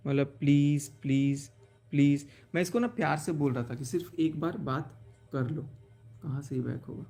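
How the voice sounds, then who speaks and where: A man's voice: on the high side, fairly quick, creaky, darkish tone, faint music behind. A man talking in a live stream from his car, aggrieved and pleading as he recounts a betrayal. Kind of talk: emotional live-stream monologue.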